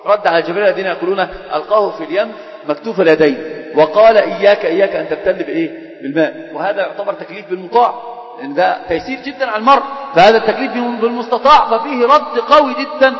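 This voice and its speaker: A man's voice: sits high, racing. A man with an Egyptian accent, a sheikh teaching a religious text to a class, who quizzes and teases his students with rhetorical questions and moves between formal and everyday speech. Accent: Egyptian Arabic. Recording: echoey hall, dull sound.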